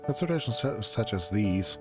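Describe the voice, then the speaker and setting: A male streamer with a lowish voice reads a story game's dialogue aloud. He talks casually and adds quick asides, with loud game music playing underneath. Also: animated.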